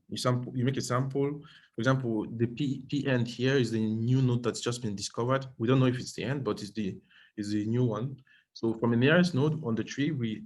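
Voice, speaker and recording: A man giving an academic thesis defense presentation as a doctoral candidate, speaking in a hesitant, halting way and often repeating and rephrasing himself. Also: medium pitch.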